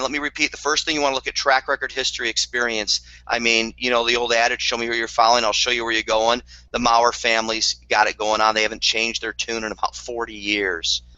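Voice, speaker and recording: A man's voice: mid-range voice, bright, forceful tone, no echo. A man giving a motivational network marketing talk, earnest and repetitive, with dry sarcastic asides, on a dull lo-fi recording.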